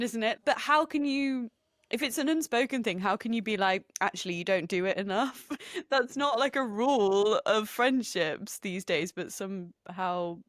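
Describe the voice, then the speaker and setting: Lively woman, podcast co-host. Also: mid-range voice, no echo, clean studio sound. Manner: lively, questioning, quick to laugh. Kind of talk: casual chat.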